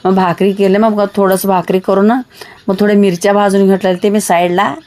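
A woman's voice: mid-range voice, little pitch movement, a little fast, a little mellow. A woman, chatting homely and repetitive to her viewers in a casual home vlog. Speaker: vlogger. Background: child crying at times.

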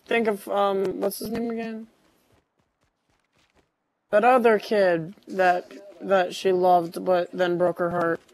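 A man's voice: sits high, little pitch movement, slow, pauses often, darkish tone, poor audio. A guy in a casual chat, playfully protesting and acting mock-annoyed at being teased. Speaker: co-host.

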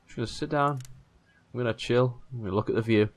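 A man hosting a gaming video, giving casual, excitable, mildly sweary commentary as he plays with a friend. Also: mid-range voice, fast.

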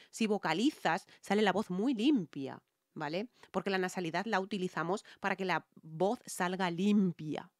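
Emphatic Spanish woman, low dry voice. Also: no echo. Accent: Spain Spanish. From Spain. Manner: emphatic, chatty, addresses viewers with ¿vale?. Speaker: singer reviewing music. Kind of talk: reaction and vocal analysis.

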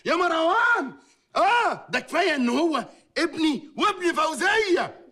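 An actor playing a bossy, blustering Egyptian village husband in a TV comedy drama. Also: male voice, extremely high pitch, very animated, normal speed, sharp tone, exaggerated voice. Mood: jubilant. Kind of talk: TV drama acting.

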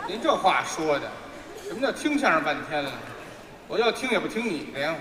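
A man's voice: on the high side, sing-song. A man performing live crosstalk comedy on stage, firing back stubborn retorts as the straight man. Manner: stubborn, retorting in quick Beijing-style banter. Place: theater stage before a live audience. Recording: echoey hall with loud crowd noise.

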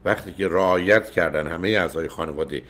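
A man's voice: sits low, a bit bright. An older man hosting a call-in advice show, emphatic and often cutting in with repeated no's. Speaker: radio psychologist host.

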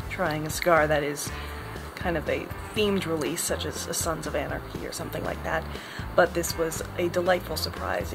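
A young woman with a deep voice reviews cigars in a casual, friendly, relaxed way, dropping a few ums as she goes. She's filmed indoors on a phone held at arm's length.

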